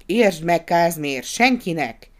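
A man's voice: fairly high pitch, lively intonation, natural voice. A reader voicing a brooding, heartbroken male politician in a dramatized audiobook, speaking in a terse, gloomy way. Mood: insistent.

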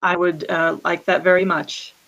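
A woman's voice: lowish voice, flat delivery, normal speed, fairly bright tone, dull audio. A woman playing a tabletop game, speaking in character in an earnest, hesitant way with many fillers. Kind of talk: in-character role-play.

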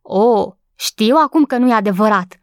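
A woman's voice: a little high, a little mellow, clear, resonant tone, no echo, clean studio sound, natural voice. A woman voicing a grumpy old stable hand. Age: older. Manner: slow, grumbling, testy. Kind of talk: audiobook character voice.

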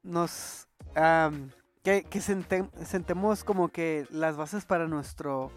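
Slangy Mexican woman, low-pitched, chatting over music. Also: slow pace. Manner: slangy, swearing freely. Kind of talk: casual chat.

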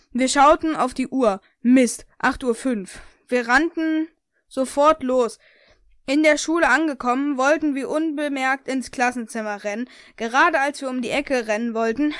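A woman's voice: sits high, clear, resonant tone, dry recording, studio quality. A young woman casually reading aloud a story she wrote, with slips and self-corrections. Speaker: reader of her own story.

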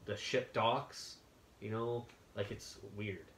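A man with a lowish voice chats casually and at length as a podcast co-host. His talk rambles and gets excited. The room echoes, and a faint hum sits behind him. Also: slow pace. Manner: rambling, enthusiastic, laid-back. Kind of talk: casual chat.

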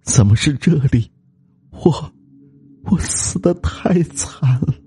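A man voicing a young woman who poses as a vengeful ghost, shrill and wailing, then icy. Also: expressive, slow, slightly rough, exaggerated voice. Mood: anguished.

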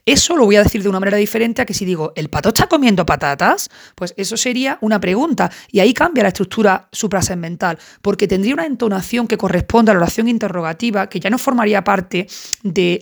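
A woman from talks through a university lesson in a relaxed, conversational way. She keeps checking in with her listeners through little questioning asides. Her mid-pitched voice carries a gravelly edge of fry. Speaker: university tutor. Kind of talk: casual recorded lecture.

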